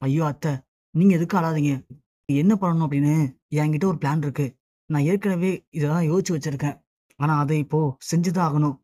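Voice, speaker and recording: A narrator reading the lines of a calm young woman who reassures her mother-in-law in a retold TV serial. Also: medium pitch, a little fast, no room sound, close to an everyday voice. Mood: reassuring. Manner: soothing, reassuring.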